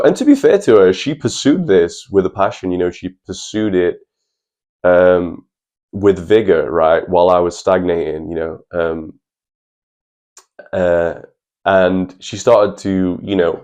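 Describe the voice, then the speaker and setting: Young guy, low mellow voice, earnest chatty advice vlog, calls viewers lads. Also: a little slow. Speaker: channel host.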